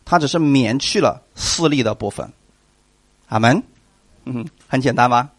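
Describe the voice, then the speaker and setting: A man's voice: medium pitch, a little slow, no room sound. A man preaching a sermon and explaining scripture, who keeps asking his listeners questions and answering them himself. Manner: animated, asks the congregation questions and answers them.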